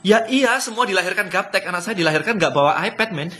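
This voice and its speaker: A man giving a motivational business talk on a live stream, excitable and laughing often, dropping English phrases into casual speech. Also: high voice, quick pace, a little hiss or hum. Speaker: business speaker.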